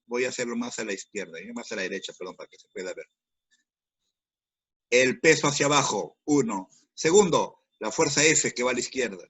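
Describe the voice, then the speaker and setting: A man's voice: medium pitch, lively intonation, fairly quick, a bit bright, breathy edge. A man teaching a physics class online, explaining step by step, repeating key words and speaking directly to his students.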